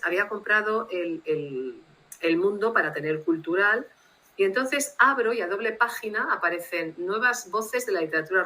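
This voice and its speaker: Lady translator chatting on a video call, quick lively storyteller, bright voice. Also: medium pitch, poor audio. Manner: lively anecdotal storyteller who acts out dialogue. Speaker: literary translator, guest. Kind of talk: casual storytelling interview.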